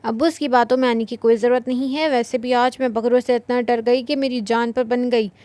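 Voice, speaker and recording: A woman's voice: on the high side, fairly even intonation, brisk, warm tone, no echo, natural voice. A woman narrator voicing a dramatic, playful young woman who complains with a pout.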